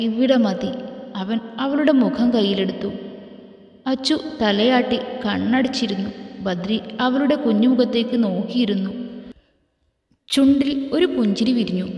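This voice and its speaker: A woman storyteller reading a romance story aloud in a steady, expressive way. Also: a little high. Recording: echoey room with long reverb.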